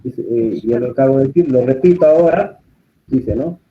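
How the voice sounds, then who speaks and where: A man instructing a course, lecturing and often putting questions to his students in a calm teaching tone. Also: mid-range voice, moderate pace, background noise. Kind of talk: online class lecture. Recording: muffled, lo-fi audio.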